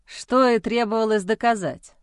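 A woman's voice: mid-range voice, normal speed, no room sound, studio quality, natural voice. A woman voicing an irritated adult husband who blames and sneers at his wife. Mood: scornful. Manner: sneering, accusatory. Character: irritated adult male husband, scornful and blaming.

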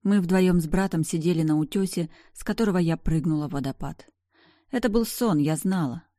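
Low, mellow woman narrating a story. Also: a little fast, no echo, clean studio sound. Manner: emotional, expressive reading. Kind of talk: first-person audiobook narration.

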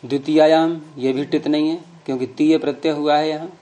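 Man, middle-aged, grammar teacher, patient explanations, warm dark tone. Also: a little high, fairly even intonation, brisk. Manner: explains patiently, quizzes students. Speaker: Sanskrit teacher. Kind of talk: classroom grammar lesson.

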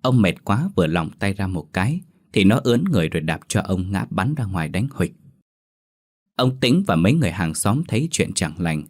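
A man's voice: sits low, big pitch swings, brisk, a little mellow. A man narrating a horror story dramatically. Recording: faint music behind.

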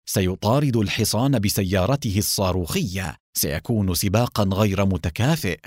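A man reading a story voices an excitable young friend. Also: fairly low pitch, brisk, dry recording, clean studio sound, lightly acted. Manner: excited, astonished.

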